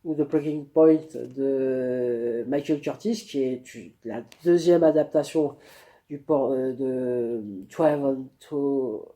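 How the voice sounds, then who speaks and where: A man's voice: medium pitch, fairly even intonation, takes it slowly, warm tone. A man giving a spontaneous face-to-camera book review, hesitating often with fillers and restarts. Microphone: camera mic.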